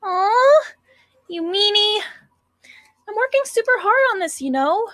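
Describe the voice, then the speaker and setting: A woman voicing a bubbly, clumsy, cheerful teenage schoolgirl in a squeaky, sing-song, whiny voice while reading a visual novel aloud. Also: expressive, unhurried, sharp tone, no room sound, clean studio sound, full character voice.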